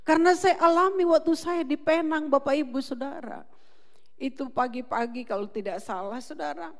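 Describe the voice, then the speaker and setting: A woman preaching a sermon and giving an impassioned personal testimony that builds to shouting. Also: high-pitched, normal speed, long reverb tail. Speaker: pastor's wife, preacher. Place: church hall.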